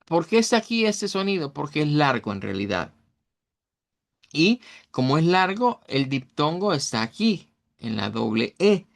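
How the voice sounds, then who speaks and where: A man's voice: a little high, very animated, a little slow, gravelly. A middle-aged male English teacher with a Central American Spanish accent, giving a recorded online class and explaining vowel sounds with fillers and self-corrections.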